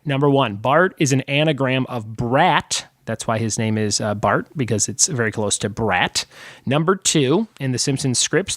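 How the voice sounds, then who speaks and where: A man in his thirties hosting a casual trivia podcast from a home room, chatty and upbeat with quick laughs. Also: medium pitch, fairly bright tone, no room sound, studio quality. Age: 30s. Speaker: podcast host.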